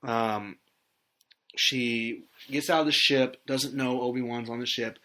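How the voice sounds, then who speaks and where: Bright-voiced man recapping in casual chat. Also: mid-range voice, steady tone, slow pace. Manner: rambling recap with hesitations and laughs. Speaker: podcast host.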